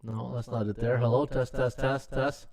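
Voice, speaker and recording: A Canadian man hosts a sports betting livestream, chatting away, greeting viewers by name and using lots of "uh" fillers. His mid-range voice is flat and darkish at a moderate pace, and his USB desktop microphone gives an echoey, hollow, tunnel-like sound.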